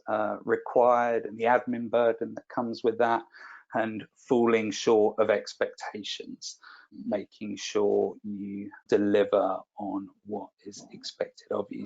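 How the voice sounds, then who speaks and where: A man's voice: fairly low pitch, lo-fi sound. A man presenting a product webinar in a chatty, self-deprecating way, often restarting and repeating words.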